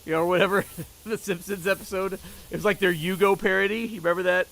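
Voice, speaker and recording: A man's voice: sits high, steady tone, quick pace, fairly bright tone, poor audio. A man chatting casually and talkatively, with joking asides, as he shows off things. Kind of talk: casual chat about tools.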